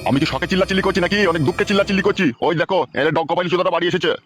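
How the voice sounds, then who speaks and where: A man's voice: high voice, noisy background, lightly acted. A man playing a foul-mouthed, angry middle-aged father in a comic skit, cursing nonstop. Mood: furious. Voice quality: shouting, rapid-fire cursing.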